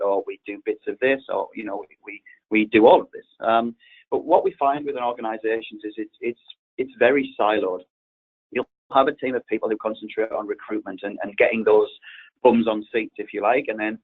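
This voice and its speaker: A man with a Northern English accent gives a business webinar talk, conversational and prone to repeating himself as he works through each point. His voice is lowish and husky. The sound is thin and tinny, like a phone call. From north of England. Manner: conversational, repeats words while explaining. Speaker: webinar presenter.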